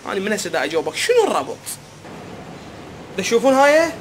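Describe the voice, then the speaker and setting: High-voiced young Iraqi man joking. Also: rapid-fire, slight background noise. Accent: Iraqi Arabic. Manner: animated, mock-puzzled, teasing. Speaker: comedy vlogger. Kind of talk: comic vlog monologue.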